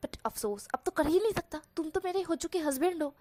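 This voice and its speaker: Woman reading as a shrill, theatrical young man, quick to scold and mock. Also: animated, a little mellow. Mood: indignant. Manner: scolding, teasing, exaggerated complaints. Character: sassy dramatic young man, quick-tempered. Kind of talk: storybook voice acting.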